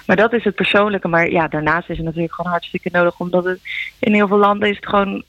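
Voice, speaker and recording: A woman, a musician guest, talking earnestly and reflectively in halting phrases, heard over a phone line in a radio interview. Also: lowish voice, fairly even intonation, fairly bright tone, no room sound. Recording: dull dry phone line.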